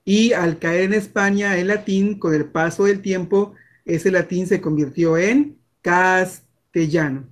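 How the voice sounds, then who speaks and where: A man's voice: high voice, steady tone, slow pace. A Mexican man teaching a class over a video call, chatty and full of fillers and restarts. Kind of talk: online class lecture.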